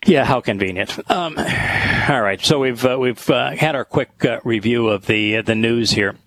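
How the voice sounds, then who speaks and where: A man hosting a talk show with scripture study, speaking in a halting, thoughtful way with many pauses. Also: mid-range voice, a bit bright, low-quality recording. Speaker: host.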